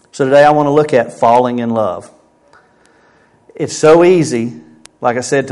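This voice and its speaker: Male pastor preaching at a pulpit microphone. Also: mid-range voice. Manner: emphatic, asks rhetorical questions. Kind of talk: sermon.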